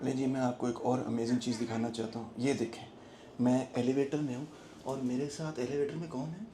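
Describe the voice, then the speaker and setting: A man's voice: mid-range voice, little pitch movement, fairly quick, mellow, a little hiss or hum. A man talking casually to his camera as he narrates a travel vlog and explains things to viewers. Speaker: vlogger and political commentator.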